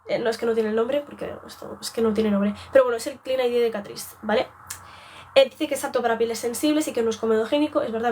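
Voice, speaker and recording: A woman's voice: on the high side, darkish tone, slight background noise. A young woman from Spain with a Spanish accent, chatting casually on a live beauty stream and rambling off track. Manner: rambling, chatty, self-interrupting.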